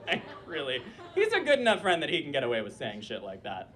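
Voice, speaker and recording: Fast, pushed and bright, with pitch swooping wildly around a mid-range center, a young man performs a comic story from his own life on a small club stage to a live audience. Per a friend, his voice sounds like a disappointed mom; he chats along with plenty of filler "likes" and lots of laughter.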